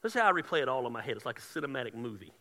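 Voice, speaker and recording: Joking preacher man with a bright edge. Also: medium pitch, very animated, rapid-fire, in a large hall. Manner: humorous, conversational, builds to shouting. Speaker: pastor. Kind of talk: sermon. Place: church sanctuary.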